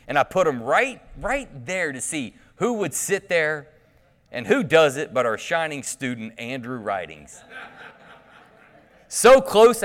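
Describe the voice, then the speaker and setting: A man speaks at a pulpit microphone, preaching in a loose, animated and joking way with plenty of restarts. His voice sits a little high for a man. Long reverb from the church sanctuary trails each phrase. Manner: animated and joking, teasing the congregation, with frequent restarts. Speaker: pastor. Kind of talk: casual, conversational preaching.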